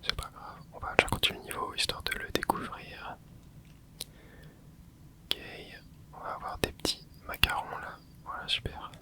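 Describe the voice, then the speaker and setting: At a normal speed with frequent pauses, a gaming channel host offers whispered, casual remarks on gameplay. They ramble and muse aloud, stumbling often and leaning on filler words.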